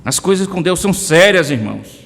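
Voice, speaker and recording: A man's voice: high voice, lively intonation, fairly quick, vocal fry, a bit bright. A man from Brazil with a Brazilian Portuguese accent preaching a sermon in church, addressing listeners by name with emphatic rises. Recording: church hall reverb.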